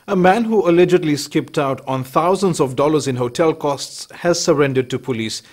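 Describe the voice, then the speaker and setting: A man's voice: fairly high pitch, normal speed, darkish tone. A man reading scripted news as an anchor.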